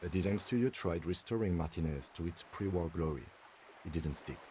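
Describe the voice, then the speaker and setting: An actor playing a calm, reserved police lieutenant who speaks in a measured, dry, understated way. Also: male voice, deep voice, a little hiss or hum, close to an everyday voice.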